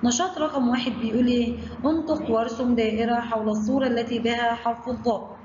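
A woman's voice: a little high, steady tone, darkish tone. Egyptian lady teacher doing a kids phonics lesson, drags out the syllables, faint hiss in the background. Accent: Egyptian Arabic. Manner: slow drawn-out syllables, addresses children directly. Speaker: primary school teacher. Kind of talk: recorded online phonics lesson for children. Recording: echoey room, dull lo-fi sound, faint noise.

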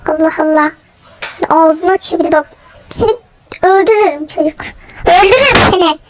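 A very high-voiced young woman narrates her gameplay with loud, excitable energy. She bursts into shouts and playful threats, over a faint background hiss. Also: moderate pace. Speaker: gaming YouTuber. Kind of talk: gameplay commentary.

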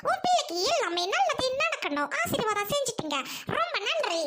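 A woman's voice: extremely high pitch, big pitch swings, brisk, very noisy. A woman voicing a young village woman who is shyly in love, speaking in an emotional, pleading way in an amateur skit. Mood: prayerful.

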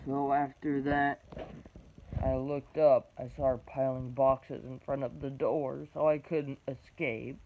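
Young man in his twenties, raw personal testimony, blunt with heavy swearing, dull lo-fi recording with a hiss behind him. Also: little pitch movement. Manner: blunt, halting, swearing, emotional. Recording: dull low-fi recording with background noise.

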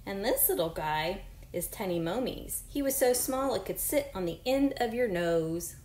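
A teacher in her forties, with a mid-range, darkish voice and lively intonation at a moderate pace, reads a picture book to young children. She's encouraging, chatty in her asides, and keeps asking the unseen children questions. The recording carries a roomy echo and faint noise.

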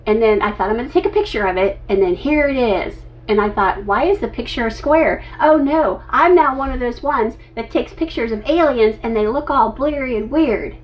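A woman's voice: moderate pace, few pauses. Bubbly woman, fifties, casual vlog co-host; slightly distant, muffled recording. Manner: bubbly, bursts into high excited squeals. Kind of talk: casual chat. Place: inside an RV, seated at table. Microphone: camera a few feet away. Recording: slightly distant, dull sound.

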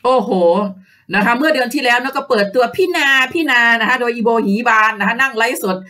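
A woman's voice: on the high side, brisk, pushed and bright, distant mic. A woman hosting a political commentary show, mocking her targets with a sarcastic, scornful delivery and constant polite particles. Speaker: host of a political commentary page.

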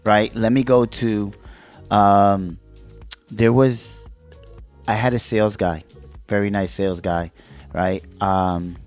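A man hosting a casual podcast from a small studio, lively and tagging his sentences with "right?". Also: fairly low pitch, takes it slowly, long pauses, soft background music. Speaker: podcast host.

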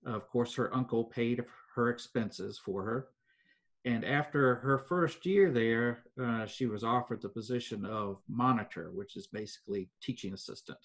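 An older man, telling local history in an interview at an even pace with many fillers. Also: medium pitch. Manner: measured storytelling with frequent fillers. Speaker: foundation president, guest.

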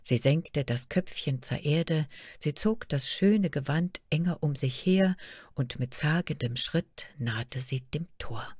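Woman storyteller, very unhurried fairy-tale reading, dry sound. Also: low-pitched, husky, no echo. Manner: slow, measured and expressive.

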